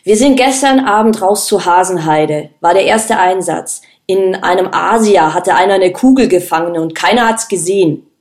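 A man's voice: high-pitched, normal speed, hardly any pauses. A woman voicing an exhausted, grumpy policeman who makes cranky demands. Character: exhausted, grumpy male cop.

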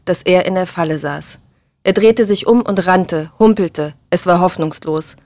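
A woman's voice: mid-range voice, no echo. Woman reading a thriller audiobook. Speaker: narrator.

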